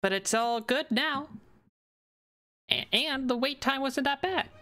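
A woman's voice: high voice, animated, takes it slowly, bright, forceful tone. A woman streamer chatting casually while she plays, rambling with repeated words and restarts. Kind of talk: casual live-stream chat while gaming.

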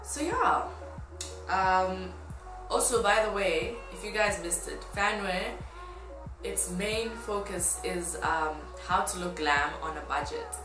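With music in the background and a roomy echo, a fashion blogger from Tanzania, in her twenties, talks to camera in a relaxed, cheerful way. Her mid-range voice is animated, though she takes it slowly.

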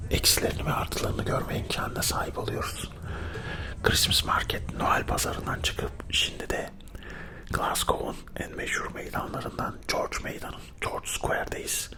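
Hushed whispering man, ASMR travel vlogger.

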